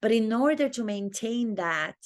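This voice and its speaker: This acting teacher, speaking with a Romanian accent, reflects earnestly to camera in her own commentary video, thinking aloud as she goes. She talks a little slowly in an animated voice pitched on the high side.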